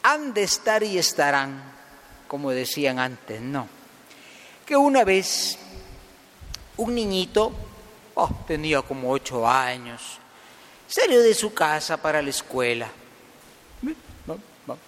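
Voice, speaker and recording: A man preaching a sermon and telling a fable to his listeners, hushing them and putting on voices for the animals. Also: fairly high pitch, sing-song, slow, pauses often. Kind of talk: sermon storytelling. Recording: long reverb of a hall.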